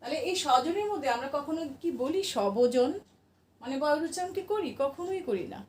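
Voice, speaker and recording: Woman teacher, high voice, patient question-and-answer lesson, distant mic with room echo. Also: expressive, fast, slight background noise. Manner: patient, asks the class questions and answers them herself. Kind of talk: classroom grammar lesson.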